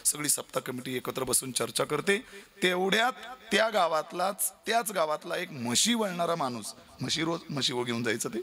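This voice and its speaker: A young man giving a devotional sermon, telling a story with animated repetition. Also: on the high side, moderate pace. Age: young adult. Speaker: kirtan preacher.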